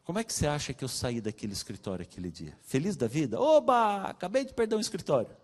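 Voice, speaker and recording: A man with a Brazilian Portuguese accent and a high voice gives a sermon testimony. He acts out the dialogue with big swings in pitch and loudness. His voice rings with the long reverb of a church hall. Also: big pitch swings, fast. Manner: storytelling, acting out dialogue with shifting pitch and loudness. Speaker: pastor.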